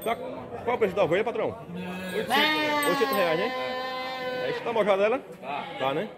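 A man talks fast and slightly high while touring livestock pens with a handheld phone. He chats with each seller and echoes the prices back to his audience. Crowd noise and bleating animals fill the background. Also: sing-song. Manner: chatty, asks sellers prices and repeats them to viewers. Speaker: vlogger touring a livestock market. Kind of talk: casual on-the-spot market walkthrough. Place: outdoor goat and sheep market pens. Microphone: phone camera held by the speaker. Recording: noisy outdoor market with crowd. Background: crowd chatter and bleating animals.

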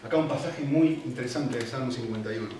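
A man's voice: medium pitch, quick pace, background noise. A man preaching a sermon, earnest and emphatic, often checking in with the audience. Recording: very echoey hall, mic at a distance.

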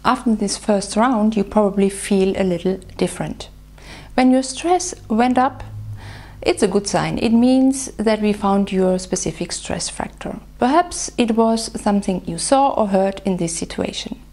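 A woman leading a guided tapping session, speaking slow, soothing phrases for the listener to repeat. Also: mid-range voice, a little mellow. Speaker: EFT practitioner.

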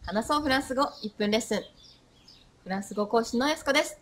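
A woman giving a short French pronunciation lesson, modelling sounds slowly and repeating them with lively emphasis. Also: a little high, a little hiss or hum. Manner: lively, drawn-out pronunciation demos. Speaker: French teacher.

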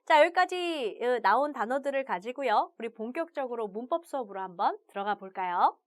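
A woman teaching a video language lesson, upbeat and chatty, opening her phrases with a bright "자". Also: fairly high pitch, animated, a little fast.

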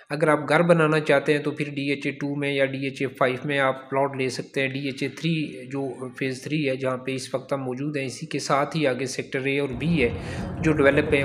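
A man's voice: mid-range voice, a little hiss or hum. Man narrating a driving tour. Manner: steady promotional commentary, lists sectors. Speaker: real estate agent. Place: inside a moving car.

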